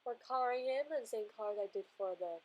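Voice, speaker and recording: Young woman with a high voice, chatty and giggly, talking through her drawing. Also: quick pace, a little mellow, rough recording. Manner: chatty, giggly, lots of "little" and "cute". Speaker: art vlogger. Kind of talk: casual drawing narration.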